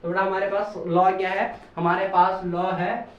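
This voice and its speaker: A male physics teacher lectures, calling students "beta", asking and answering his own questions, and dictating notes slowly word by word. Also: high voice, little pitch movement. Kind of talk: classroom lecture. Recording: echoey, distant, dull sound.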